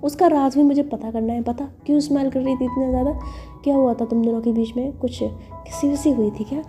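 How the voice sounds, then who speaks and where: A woman's voice: high voice, fairly even intonation, brisk, dark tone, soft background music, natural voice. A woman voicing a shameless, teasing female boss who jokes with her friends in a storybook romance. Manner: playful, mocking banter.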